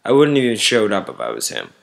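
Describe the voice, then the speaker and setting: A man giving casual, unscripted sports commentary to online viewers in a halting way, searching for words. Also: lowish voice, wildly swooping pitch, vocal fry.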